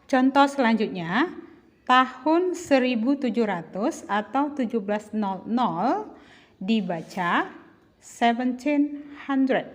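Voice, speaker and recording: A woman's voice: on the high side, expressive, slow. A woman tutor explaining patiently to children, asking questions and answering them herself. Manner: patient, addresses pupils as children, asks and answers own questions. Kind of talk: slow classroom explanation.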